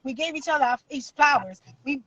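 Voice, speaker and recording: A woman's voice: sits high, animated, a little fast, sharp tone, dull audio. A woman guest on a live talk show, crying as she tells an earnest personal story with insistent emphasis.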